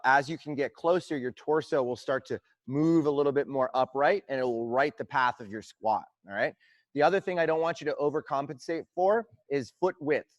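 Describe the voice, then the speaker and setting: A young man coaching an online workout class, explaining squat technique and counting slow tempo reps aloud in an encouraging way. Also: on the high side, no room sound. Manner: encouraging, counts reps loudly in a steady cadence. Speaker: fitness coach. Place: gym.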